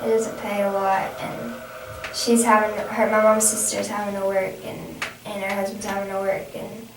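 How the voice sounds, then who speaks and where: A young adult woman speaking haltingly, often restarting phrases, in a conversational counseling role-play as the client. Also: mid-range voice, monotone. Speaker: student playing a counseling client. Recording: echoey, distant, noisy room recording.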